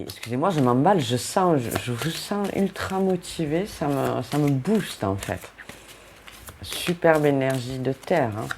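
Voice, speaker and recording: A man's voice: medium pitch, vocal fry, noisy background. A man with a French accent giving a casual, upbeat tarot card reading, talking straight to his viewers and often interrupting himself. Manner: chatty, upbeat, breaks into laughs and self-interruptions.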